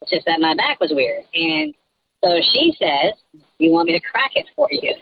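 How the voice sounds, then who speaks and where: A man's voice: very high-pitched, sing-song, moderate pace, creaky, dry recording. A man calling in to a radio show, telling an embarrassing story sheepishly while a voice changer disguises his voice over the phone. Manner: sheepish, self-conscious storytelling. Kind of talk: anonymous phone-in confession, casual storytelling. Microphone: telephone. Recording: lo-fi phone line.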